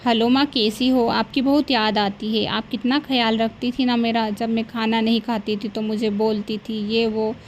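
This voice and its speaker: A woman's voice: a little high, little pitch movement, moderate pace, few pauses, slight background noise, natural voice. A woman voicing a young, put-upon daughter-in-law in a cartoon, speaking in a pleading, complaining manner.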